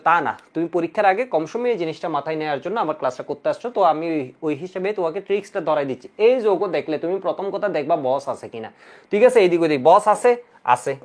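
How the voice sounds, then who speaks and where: Male chemistry tutor, exam cram lecture, animated, coaxing Q&A delivery. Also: high voice. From Bangladesh. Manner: lively, coaxing, asks students questions and answers them himself; repeats key rules in drilling chants. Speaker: chemistry teacher.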